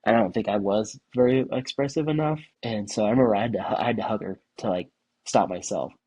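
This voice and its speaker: Husky young man in casual chat. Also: lowish voice, brisk, low-quality recording. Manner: relaxed and rambling, with many restarts and "like"s. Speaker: podcast co-host.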